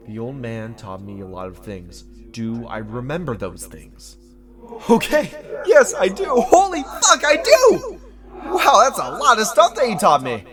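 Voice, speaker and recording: In an audio drama, a man plays a foul-mouthed former magical fabricator with amnesia who coaxes himself along, veering between muttered focus and excited outbursts. His voice sits in the mid-range, and the mood is one of focused recollection.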